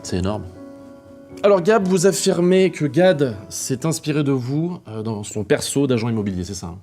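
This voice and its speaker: Deadpan male comedy-show host. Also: medium pitch, moderate pace, soft background music. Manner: mock-solemn, deadpan interviewer. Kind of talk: mock interview comedy show.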